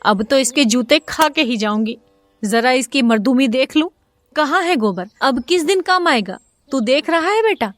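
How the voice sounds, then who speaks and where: A woman voicing a fiery, sharp-tongued middle-aged village wife who scolds and hurls insults. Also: expressive, normal speed, no room sound. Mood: wailing defiant. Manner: shrill, scolding, hurling insults.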